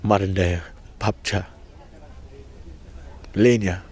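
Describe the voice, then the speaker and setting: A man speaks low and steady at a slow pace, his voice a little mellow. He is a protester at a sacred site camp, giving an earnest, impassioned personal account and often repeating or restarting his words.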